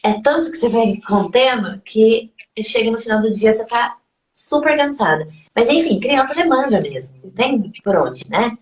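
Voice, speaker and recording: A woman's voice: fairly high pitch, lively intonation, moderate pace. A woman host chatting in a reflective, conversational way, sharing her own experience over a video call. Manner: reflective, chatty, tags lines with "né?". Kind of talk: casual conversation. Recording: echoey room.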